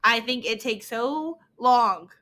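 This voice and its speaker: A woman with a fairly high, bright voice and a crisp edge to it, talking through a story in an easygoing podcast chat. She giggles often and fills pauses with ums. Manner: giggly, talks through plot with filler ums. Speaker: podcast co-host. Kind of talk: casual recap chat.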